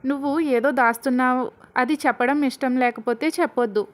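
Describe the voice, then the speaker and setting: Lady doing a calm dignified old uncle, measured slow talk. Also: high-pitched, natural voice. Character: calm, dignified elderly uncle, head of the family.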